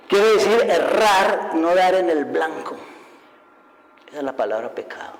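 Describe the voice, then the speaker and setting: A man preaching a sermon as an evangelist, lively and full of rhetorical questions, laughing at his own stories. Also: a little high, gravelly. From Colombia. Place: church hall. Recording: long hall reverb.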